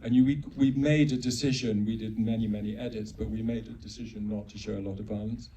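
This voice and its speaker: A man's voice: on the low side, level tone, fast, warm tone. A man from Uganda, a film co-director answering audience questions earnestly, repeating words for emphasis. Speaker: film co-director, panel guest. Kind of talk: post-screening Q&A answers. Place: screening venue with live audience. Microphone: handheld mic held too far off. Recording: distant mic with faint noise.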